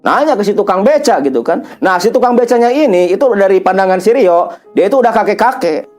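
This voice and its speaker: A man's voice: high voice, animated, fast, a little mellow, soft background music. A man narrating a ghost story in a chatty way, full of repeated fillers.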